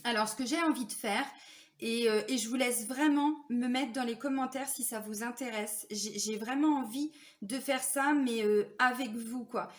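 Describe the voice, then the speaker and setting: A woman's voice: fairly high pitch, normal speed. A woman working as a spiritual therapist, talking casually and confidingly to her viewers, full of fillers and tag questions. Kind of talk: casual talk to camera viewers.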